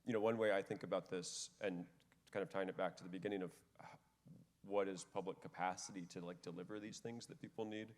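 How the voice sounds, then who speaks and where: A man's voice: sits low, fairly even intonation, fast, darkish tone. A man speaking as a panelist in a casual way, with fillers and trailing phrases. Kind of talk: panel discussion.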